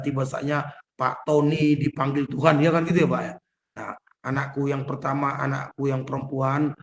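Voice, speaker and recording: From home, a pastor preaches to an online prayer meeting over a video call, folksy and conversational, turning to his listeners again and again and constantly addressing them as "Pak." His voice is on the high side and sounds reverberant.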